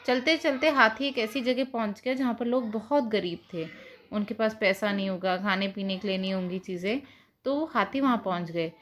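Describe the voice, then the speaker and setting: A woman's voice: mid-range voice, moderate pace, fairly bright tone, slight background noise. A woman, teaching children by retelling a story and explaining it in simple words.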